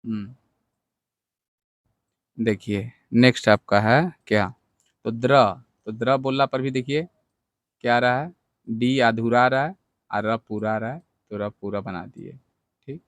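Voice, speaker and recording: A man teaching a spelling lesson to students, patient and explanatory, slowly repeating words and speaking to the class directly. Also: mid-range voice, no room sound, studio quality. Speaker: English teacher.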